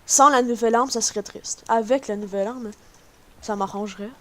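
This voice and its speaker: A woman with a Quebec French accent giving chatty, excitable commentary on her gameplay to her viewers. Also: a little high, brisk. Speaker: gaming YouTuber. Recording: noisy home recording.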